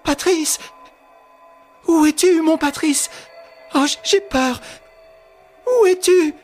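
A man voicing a frightened young woman in a read-aloud novel, crying out in a high, pleading voice. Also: slow pace, a little mellow, soft background music. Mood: panicked. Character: terrified young woman trapped in darkness.

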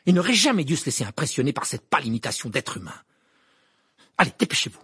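A man doing a shrill indignant schoolgirl. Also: big pitch swings, fast, creaky, husky, no room sound, studio quality, heavily acted. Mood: shrill rage. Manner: sharp, shrill when furious. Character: clever, indignant teenage witch girl.

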